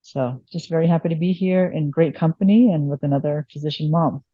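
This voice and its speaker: A woman's voice: deep voice, fairly quick, breathy edge, dry recording, lo-fi sound. A woman in her late thirties from Vietnam, an emergency physician being interviewed, talking reflectively with many fillers. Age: late 30s. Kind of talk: conversational interview.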